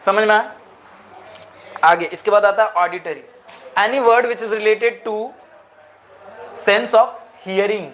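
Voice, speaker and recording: A man's voice: high-pitched, fairly even intonation, extremely slow, long pauses, fairly bright tone, a little hiss or hum. A man teaching a lecture, mixing in English phrases and asking the class questions again and again. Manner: asks the class repeated questions.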